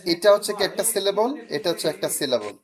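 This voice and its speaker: A man teaching Korean, correcting a student's reading and drilling words slowly syllable by syllable, with some teasing. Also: sits high, animated, crowd noise.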